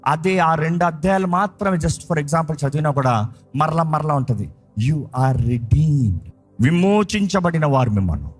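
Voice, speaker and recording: A male pastor preaching a sermon in a Telugu accent, repeating phrases with emphasis and drawing key words out slowly. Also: fairly high pitch, lively intonation, slightly rough, faint music behind.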